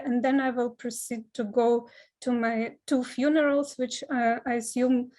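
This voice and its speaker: A film scholar whose first language is Ukrainian gives a seminar talk, hesitant and halting, with many filler sounds and restarts. Her voice is on the high side with a darkish tone, and the recording is rough.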